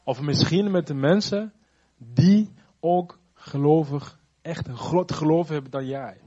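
A man giving a personal faith testimony, halting and searching for words, earnest and reflective. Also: on the high side, mellow, husky, lo-fi sound.

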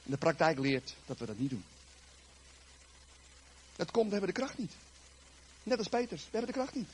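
A man preaching a sermon to his congregation, retelling a Bible story in a lively, joking way with a raspy voice. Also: sits high, slight background noise.

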